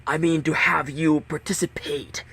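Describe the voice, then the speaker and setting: A cold, eerie masked captain lays out the rules of a deadly game, as a man puts him on. He speaks slowly and deliberately in a harsh, half-whispered voice. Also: a little high, fairly even intonation, fairly bright tone, slightly rough. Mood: menacing.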